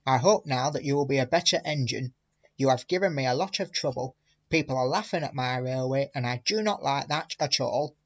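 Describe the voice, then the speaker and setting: A man voicing a stern but kind railway boss, measured and fatherly, in a storybook reading. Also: medium pitch, highs cut off, lightly acted. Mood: firm.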